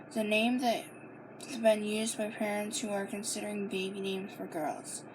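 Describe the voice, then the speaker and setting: Young woman, casual sit-down Q and A, slow and halting delivery, audible background noise. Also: medium pitch, level tone. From Maine, United States. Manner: halting, many fillers and restarts, reading questions aloud. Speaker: vlogger answering questions. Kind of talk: casual Q and A monologue. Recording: noisy home recording.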